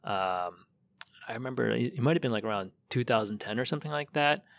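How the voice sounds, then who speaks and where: A man talking as a guest on a podcast, recounting things in a relaxed, thoughtful way with fillers. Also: medium pitch, brisk, vocal fry, dry recording. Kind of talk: casual chat.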